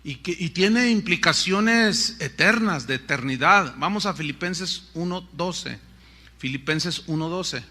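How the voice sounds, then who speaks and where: A man's voice: a little high, animated, unhurried, bright, forceful tone. A middle-aged man, preaching a sermon with rhetorical questions and playful asides. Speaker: pastor.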